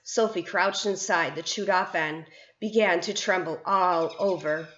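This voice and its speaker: A woman teacher reading a children's novel aloud with expressive storytelling. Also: on the low side, measured pace. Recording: roomy, dull lo-fi sound.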